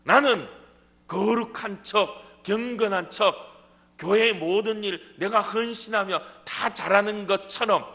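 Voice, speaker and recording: A male pastor with a Gyeongsang dialect preaching a sermon, animated and full of rhetorical questions. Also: high voice. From South Korea, Gumi area. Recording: long church hall reverb.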